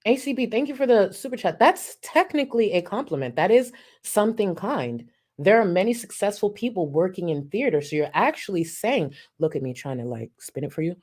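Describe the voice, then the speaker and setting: This livestreamer's medium-pitched voice has a darkish tone, big pitch swings, and a fairly quick pace. Casually commenting as she reacts to a video and reads out super chats, she's sassy, profane, and mocking, and laughs frequently.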